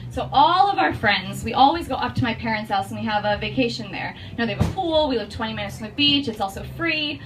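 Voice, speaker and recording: A woman comedian telling a stand-up story, animated and profane, bursting into loud shouts. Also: on the high side, fast, hardly any pauses. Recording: distant mic, noisy.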